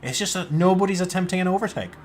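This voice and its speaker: Joking sim racing commentator. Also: male voice, high voice, fast talker, slight background noise. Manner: jokey, swears, laughs between calls. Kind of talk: casual esports race commentary.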